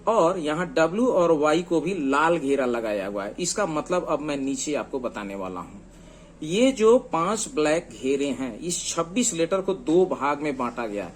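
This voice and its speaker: Male teacher, fairly high and lively pitch, slow deliberate spelling, faint hiss behind. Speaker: English teacher. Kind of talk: screen-based lesson explaining letters.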